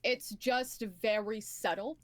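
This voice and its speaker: A woman's voice: mid-range voice, slow pace, dry recording. A woman chatting casually as a guest, explaining at length and swearing now and then. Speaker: guest on a stream. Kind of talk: casual chat.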